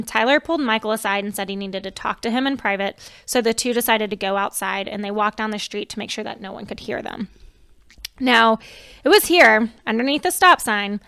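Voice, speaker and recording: A woman's voice: on the high side, vocal fry, pushed and bright, smooth, dry recording, studio quality. A woman co-hosting a casual true crime podcast, telling the story with loose swearing and laughter. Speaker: podcast co-host.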